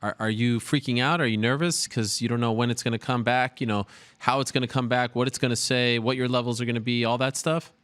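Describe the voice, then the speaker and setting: Fast-talking male interviewer. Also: medium pitch, steady tone, a bit bright, clean tone, no echo. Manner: probing, presses with follow-up questions. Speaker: host, interviewer.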